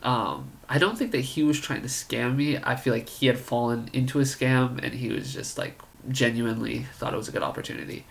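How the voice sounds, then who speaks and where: Creaky-voiced young man telling a story. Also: mid-range voice, fairly quick, few pauses, fairly bright tone. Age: 20s. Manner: rambling, filler-heavy with "like" and "you know". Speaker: college student storyteller. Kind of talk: casual storytelling.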